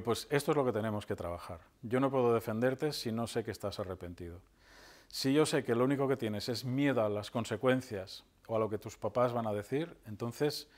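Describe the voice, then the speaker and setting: A middle-aged man, preaching a sermon as pastor in a conversational way, with fillers and slow emphatic phrases. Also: medium pitch, darkish tone. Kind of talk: sermon with storytelling.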